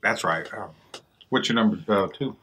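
Man, bright sharp voice, casual chat, teasing, some restaurant noise. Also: on the low side, moderate pace. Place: inside a fast-food restaurant, seated at a table.

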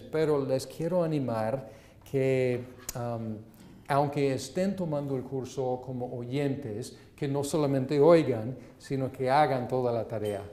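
A man teaching a seminary class, speaking in a measured way with many fillers. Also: medium pitch, dark tone, echoey room. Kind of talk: leading a class and prayer.

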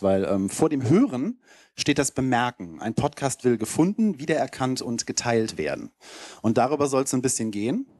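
With a mid-range, darkish voice, a man gives a loose, casual, rambling keynote at a conference. The informal slide presentation takes place on a lecture hall stage before an audience. His handheld mic is held close, producing a dry recording.

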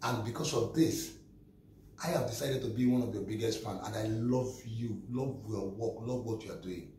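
In a small, bare room, a middle-aged Nigerian-accented man vlogs an impassioned rant directly to a camera several steps away, gesturing, repeating points and stammering through restarts. His voice is lowish and darkish at a moderate pace. The sound is echoey and distant, with slight background noise.

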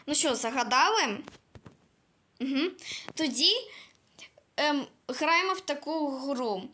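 A man's voice: very high voice, sharp tone, exaggerated voice. A boy playing a strict female schoolteacher who quizzes her pupils and hands out grades in a home-made skit. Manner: bossy, quizzing pupils and grading.

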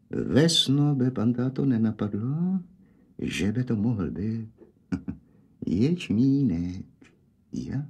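A man narrating a fairy tale in a lively, expressive way. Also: on the low side, breathy edge.

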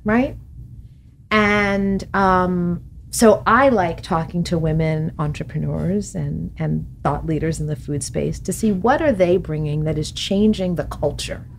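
Gravelly and on the low side, her measured voice reflects on things in a studio interview where this middle-aged author is a podcast guest. She gestures animatedly, laughs often, and stays thoughtful. There's a little hiss or hum on the boom-arm studio mic.

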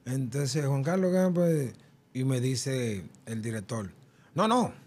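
A man's voice: mid-range voice, takes it slowly, breathy edge. A middle-aged man with a Dominican accent, a guest recounting stories in casual chat and acting out what others said. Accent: Dominican Spanish. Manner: animated storyteller acting out quotes. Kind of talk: casual interview storytelling.

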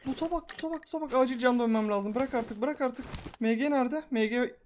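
A man giving live, excitable gameplay commentary as a gaming YouTuber, swearing and talking to his viewers. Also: very high voice, brisk, slight background noise.

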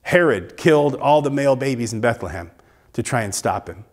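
Casting: man, 30s, pastor, earnest recorded sermon, middle-pitched voice, lapel mic. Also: animated, brisk. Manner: earnest, gestures with both hands. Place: small church stage with drum kit and Christmas decor, indoors.

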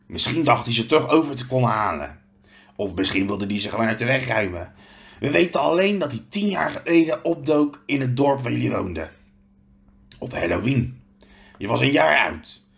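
Reading a storybook aloud, a man plays a gruff, kindly half-giant who haltingly and earnestly shares his story. His voice sits mid-range with a fairly bright tone, animated but at a normal speed.

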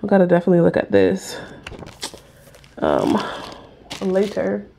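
Her voice is mid-range, gravelly and dark, with big pitch swings and a measured pace, plus a little hiss or hum. She's a young woman at home in a small room, rambling through a casual haul vlog on a phone camera held at arm's length while coughing with a sore throat.

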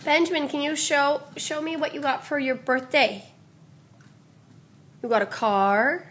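A woman's voice: sits high, steady tone, a little slow, fairly bright tone. A young woman, a mother, patiently coaxing her toddler with simple questions in a home video.

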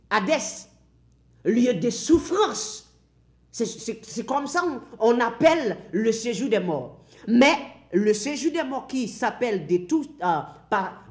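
A woman's voice: on the high side, reverberant. A woman teaching from the Bible in a sermon, repeating key phrases and asking and answering her own questions.

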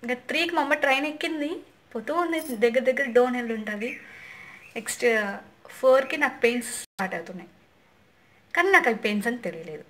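A woman's voice: a little high, animated, fast talker, long pauses, fairly bright tone. Chatty young woman telling a story. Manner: chatty, repeats and restarts phrases. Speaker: vlogger. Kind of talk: casual personal storytelling. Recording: faint background noise.

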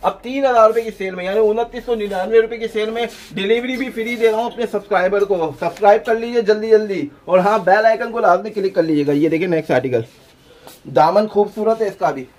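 A man, a clothing shop owner giving an energetic, hard-selling pitch in his small shop. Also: brisk. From Pakistan. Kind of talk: sales pitch vlog.

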